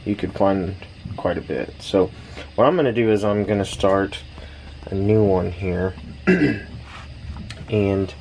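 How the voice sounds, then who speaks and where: This laid-back radio hobby vlog features a thirty-something American man speaking haltingly and thinking out loud, his lowish voice touched with vocal fry. He records in a small backyard shed that is noisy, with fireworks crackling in the distance.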